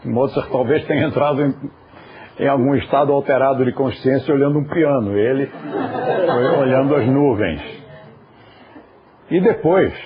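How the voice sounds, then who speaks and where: A man's voice: mid-range voice, expressive, unhurried, pauses often, a crowd in the background. A man teaching a yoga class, patiently explaining pronunciation and turning aside to talk to viewers at home. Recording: dull lo-fi recording.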